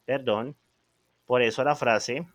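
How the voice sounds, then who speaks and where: Emphatic slow-talking male teacher. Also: mid-range voice, dry recording. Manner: animated, emphatic, slows down and stresses English example phrases. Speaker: English teacher. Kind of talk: video lesson.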